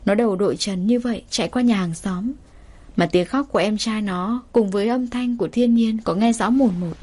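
A woman's voice: mid-range voice, fairly quick, mellow. Woman storyteller. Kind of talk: scripted story narration.

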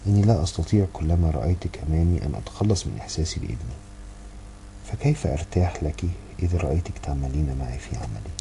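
A man voicing a calm, stern old father with a very deep voice. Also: vocal fry, a little hiss or hum, exaggerated voice. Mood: firm. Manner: calm, measured, gently refusing. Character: elderly stern traditional father, calm and firm.

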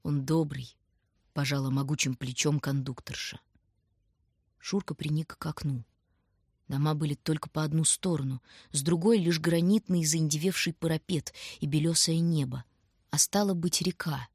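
A woman reads a story aloud in a calm, measured voice that sits low and sounds husky. The recording is dry and close, with no room sound. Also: dry recording. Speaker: narrator. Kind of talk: audiobook narration.

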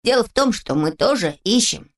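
Woman playing a little moomin kid, high lively voice, all excited. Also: normal speed. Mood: eager. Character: small young male moomin troll, eager child.

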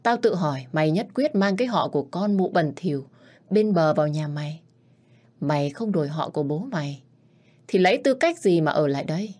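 A woman's voice: deep voice, animated, brisk, darkish tone. A woman reading the lines of a cruel, scornful older first wife of a crime boss in a spoken story, sneering and threatening.

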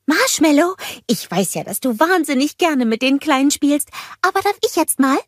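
A woman voicing an excitable, cheerful little male snowman who gushes with delight. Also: sits high, moderate pace, dry recording, studio quality, pitched above the performer's own voice. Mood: gleeful. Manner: gushing, squealing with delight.

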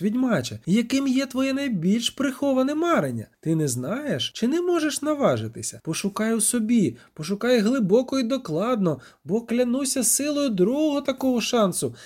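A man's voice: high-pitched, big pitch swings, measured pace, dark tone, slightly rough, heavily acted. A man voicing a fierce, seductive sorceress who hisses her words. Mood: menacing. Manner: hissing, menacing.

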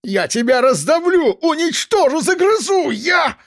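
A man voicing a furious corrupt male police colonel who shouts threats and accusations. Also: very high-pitched, sing-song, measured pace, gravelly, no echo, clean studio sound, voice pushed up, full character voice. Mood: raging.

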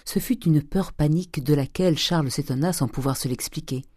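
A reader narrating a classic novel in a measured, even way. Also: mid-range voice, breathy edge, no echo, studio quality. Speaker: audiobook reader. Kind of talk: literary audiobook narration.

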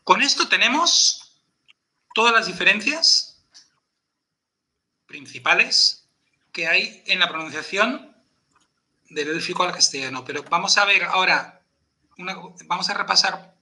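A man's voice: sits high, lively intonation, unhurried, long pauses, pushed and bright. A man explaining pronunciation rules step by step in a patient teaching chat, checking in with his listener. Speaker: podcast presenter teaching Elvish pronunciation.

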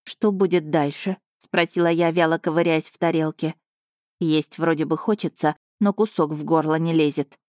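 A woman reads a novel aloud in the first person, calm and steady. Her voice sits low for a woman, and the recording is dry and close. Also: normal speed, no room sound. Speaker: narrator. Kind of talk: audiobook narration of a romance novel.

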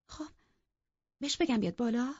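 An impulsive young mistress of a manor, eager and breathless, her husky voice lifting high and quick, as a woman narrator puts her on. The sound is dry and a little dull, like a lo-fi audiobook take. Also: expressive, dry recording.

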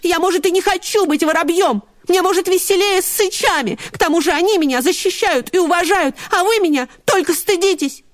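A woman voicing a stubborn young sparrow chick boy in a storybook reading, with a shrill, piping manner. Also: fairly quick, few pauses. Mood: defiant.

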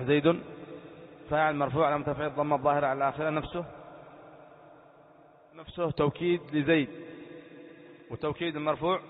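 A man, a sheikh, giving a classroom grammar lesson and quizzing his students with quick questions. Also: fairly high pitch. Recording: tinny lo-fi sound in echoey hall.

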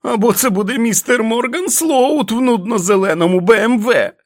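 A man reading the part of a furious, exhausted boy who shouts himself hoarse in the rain, in a storybook reading. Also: medium pitch, normal speed, dry recording, studio quality, lightly acted. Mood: furious shouting. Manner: shouting, frantic.

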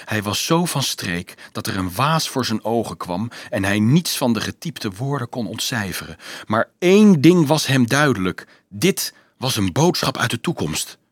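A man narrating a novel as an audiobook, in an expressive, measured storytelling manner. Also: mid-range voice, breathy edge, dry recording.

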